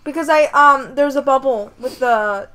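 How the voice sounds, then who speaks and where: A woman's voice: high voice, normal speed, bright, forceful tone. A woman playing a game with friends, defending her moves and giggling in casual banter. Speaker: gaming channel host. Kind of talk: casual let's-play banter.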